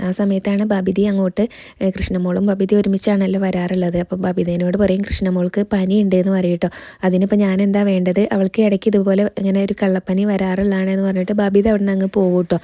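A woman reviewer retells a serial's plot in a casual, chatty way, reading each character's lines in her own voice. Her tone is very dark and mellow, and her pitch stays flat. The recording is close and dry, with no room sound. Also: no room sound.

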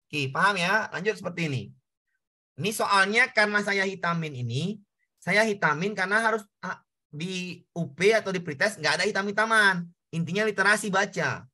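A man's voice: high-pitched, normal speed, sharp tone. A man tutoring an online class, explaining exam answers step by step, repeating key points and addressing students directly.

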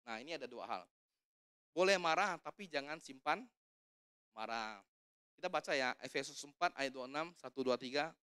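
A man's voice: medium pitch, animated, a little fast, pauses often, sharp tone, clean tone, no room sound, clean studio sound. A man preaching a conversational sermon at a church service, casual and joking, putting questions to the congregation. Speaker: evangelist preaching.

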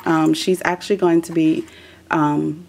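A woman's voice: low-pitched, little pitch movement, unhurried, vocal fry, a little mellow. A woman hosting a craft video, chatting loosely with many ums as she shows her work at a table. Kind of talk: casual craft walkthrough.

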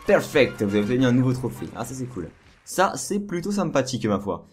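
A man hosts a let's play in a hoarse, worn voice of medium pitch. He chats casually and excitedly, often firing off the same word several times in a row. Game music plays behind him. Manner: repeats words in quick bursts. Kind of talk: casual excited gameplay commentary. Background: video game music.

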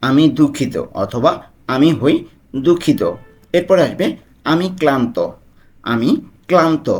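A man with a Bangladeshi accent teaching beginner phrases in a video lesson, repeating each word slowly and explaining its meaning. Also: mid-range voice. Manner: slow, repetitive drilling of phrases. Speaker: language tutor.

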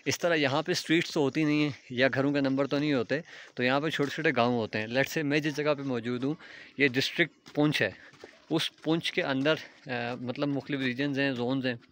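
A young man narrating a casual travel vlog while walking a village road, explaining step by step with pauses and fillers, filmed on a handheld phone at arm's length. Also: medium pitch, fairly even intonation, a bit bright. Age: young adult. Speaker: travel vlogger. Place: outdoors on a hillside village road. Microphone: phone camera held at arm's length. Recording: faint outdoor ambient noise.

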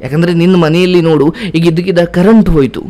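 A man's voice: fairly high pitch, fairly even intonation, fast, mellow, faint music behind. A man giving spiritual advice as a host, earnest and preachy, ending with blessings. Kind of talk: advice talk.

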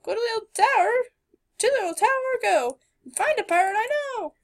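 A woman's voice: extremely high pitch, expressive, brisk, pitched above the performer's own voice. A woman voicing a pirate's parrot in a cartoon game, chanting clues in a bird-like sing-song. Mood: chirpy, teasing. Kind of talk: reading cartoon game dialogue in character.

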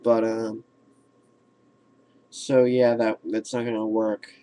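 A teenage boy chatting casually to a webcam at home in a hesitant, halting way. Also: on the low side, little pitch movement, mellow. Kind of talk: casual vlog chat. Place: room at home, indoors. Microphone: webcam at arm's length. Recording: faint noise and clicks, webcam audio.

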